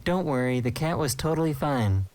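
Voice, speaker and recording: A man's voice: mid-range voice, expressive, normal speed, soft background music. A man giving brief scripted narration between short internet clips. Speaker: video narrator. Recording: loud background noise.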